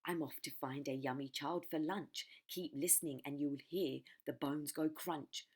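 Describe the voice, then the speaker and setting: A woman voicing an enormous, greedy male crocodile in a children's storybook, boastful and relishing every drawn-out word. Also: deep voice, steady tone. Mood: gleeful.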